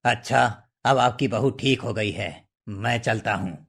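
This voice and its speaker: A man playing a calm, reassuring tantric holy man in a storybook tale, speaking slowly and with assurance. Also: medium pitch, gravelly, husky.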